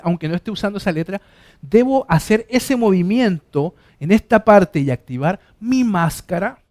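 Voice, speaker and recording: A man teaches a singing lesson in a fairly high speaking voice. He explains patiently and restates each point in several ways. Now and then he stops to sing a held vowel as a demonstration. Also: a little mellow. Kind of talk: vocal lesson with sung demonstrations.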